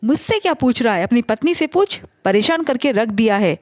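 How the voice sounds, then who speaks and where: A cranky old mother-in-law, voiced by a woman snaps and scolds in a shrill, high, exasperated voice. This is a spoken storybook character, recorded close and dry. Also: expressive, fairly quick, a little mellow, no echo, natural voice. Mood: shrill anger.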